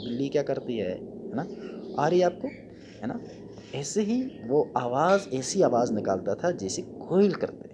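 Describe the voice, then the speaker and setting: A man's voice: mid-range voice, mellow, a little hiss or hum. Man teaching a children's reading lesson. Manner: reads English slowly word by word, then explains in Urdu with many "hai na" tags.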